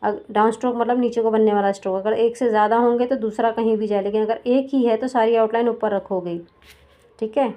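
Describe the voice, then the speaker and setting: Woman, teacher, higher voice, sounds out syllables slowly, asks questions while explaining. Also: steady tone, dull audio. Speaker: shorthand teacher. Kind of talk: step-by-step lesson explanation.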